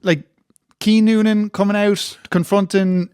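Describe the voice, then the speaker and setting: A man's voice: high-pitched, little pitch movement, a little slow, darkish tone, clear, resonant tone, dry recording, studio quality. A man co-hosting a wrestling podcast, rambling and mock-indignant in casual banter.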